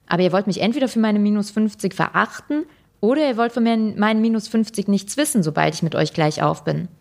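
A woman's voice: mid-range voice, creaky. Woman reading as a defiant young woman. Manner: blunt, combative. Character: angry young woman talk-show guest, defiant.

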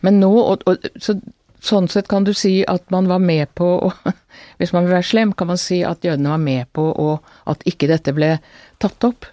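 An older woman, an author, speaks in an earnest, halting way, often restarting her sentences as she recounts family history. Her voice is mellow and dark in tone, recorded dry and close with no room sound. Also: on the low side, no echo. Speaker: author guest. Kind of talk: reflective interview talk.

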